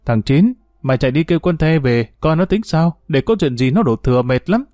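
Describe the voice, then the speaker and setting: A man voicing a gruff, blunt middle-aged uncle in a read-aloud story, scolding quickly. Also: a little high, expressive, darkish tone, no echo, studio quality, lightly acted.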